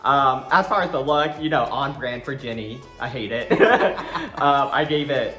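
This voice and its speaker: A man's voice: medium pitch, a little slow, pushed and bright. Campy guy chatting thru a review, sassy n slangy, echoey room w music. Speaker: co-host of drag show review. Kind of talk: casual chat, video review. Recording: roomy echo with music behind.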